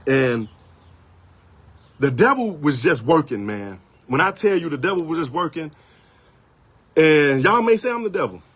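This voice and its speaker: A man's voice: fairly high pitch, very animated, unhurried, pauses often, fairly bright tone, slightly rough. A man talking on a livestream, rambling and defensive, repeating himself and apologizing earnestly. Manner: rambling, repetitive and defensive, with many restarts. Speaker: photographer on a livestream. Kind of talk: unscripted livestream monologue.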